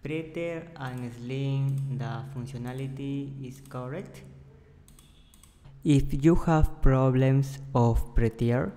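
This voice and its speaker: Slow-talking man, echoey room. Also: medium pitch, warm tone. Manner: slow, halting step-by-step narration in simple phrases. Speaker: programming tutor. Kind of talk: screen-recorded coding tutorial. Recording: roomy echo with long reverb.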